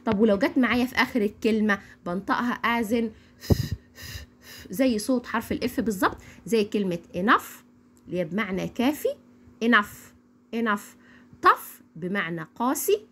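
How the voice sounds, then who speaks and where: A woman with an Egyptian Arabic accent teaching an English phonics lesson, explaining slowly and repeating each example word. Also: a little high, breathy edge. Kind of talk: phonics lesson for children and adults.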